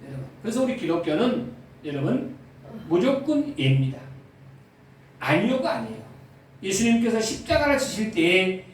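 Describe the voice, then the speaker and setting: A man's voice: sits high, sing-song, normal speed, long pauses, slight background noise. A male pastor preaching a sermon, asking the congregation questions as he goes. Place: church sanctuary. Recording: echoey church sound from far off.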